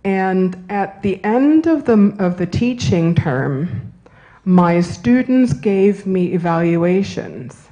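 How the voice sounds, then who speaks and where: A woman raised in Germany and Italy gives a university lecture in an auditorium and fields questions, speaking slowly in a warm, sing-song, medium-pitched voice. She talks discursively, corrects herself, and keeps checking in with "right?". The recording sounds lo-fi.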